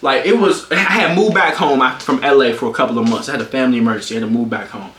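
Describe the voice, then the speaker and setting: Young guy in his 20s telling a story, animated, cusses a lot, voice jumps up high, echoey room. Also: very fast, a little hiss or hum. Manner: animated, swears freely, voice jumps high when worked up. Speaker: streamer. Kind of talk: casual storytelling to camera. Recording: roomy echo.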